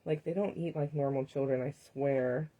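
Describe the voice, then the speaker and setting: A woman's voice: extremely low pitch, steady tone, normal speed, phone-quality sound. A woman hosting a live craft demonstration, chatting to viewers and laughing often as she works. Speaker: craft tutorial host.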